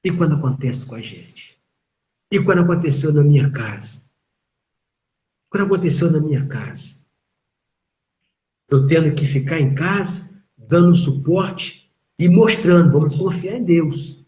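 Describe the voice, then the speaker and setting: A man's voice: on the high side, expressive, unhurried, pauses often, mellow. A man with a Brazilian Portuguese accent, a pastor giving a sermon during a live online chat, preaching emphatically and asking many rhetorical questions.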